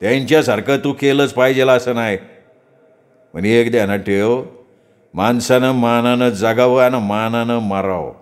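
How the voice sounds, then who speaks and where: A man voicing a flashy, scheming young village rich man who speaks in a slow, coarse, coaxing drawl. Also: medium pitch, lightly acted.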